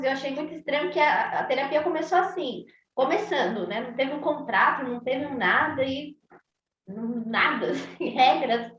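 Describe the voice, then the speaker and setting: Woman telling a story, high voice, laughing a lot, sounds far off in an echoey room. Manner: animated, laughs often, acts out quoted dialogue. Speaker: psychologist attending a training session. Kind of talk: casual storytelling. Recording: dull, roomy, far from mic.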